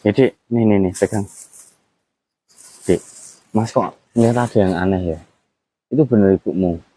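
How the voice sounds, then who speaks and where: Coaxing man, dark husky voice. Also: on the low side, normal speed, poor audio. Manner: coaxing, gently questioning, urgent. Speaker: vlogger investigating a haunted house. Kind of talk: casual on-location vlog talk.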